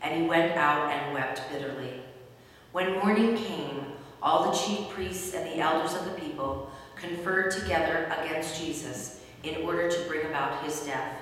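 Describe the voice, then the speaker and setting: Echoing low-voiced woman narrating scripture. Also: normal speed, fairly bright tone. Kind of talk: scripted dramatic Bible reading. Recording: distant, very echoey hall, faint noise.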